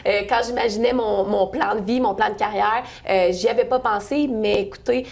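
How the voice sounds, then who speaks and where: Guesting on a local interview, a chamber of commerce events staffer in her twenties talks with a Québécois French accent; she's from the Sorel-Tracy region. Her mid-range voice is steady and darkish, at normal speed. The chat is friendly, full of fillers and restarts.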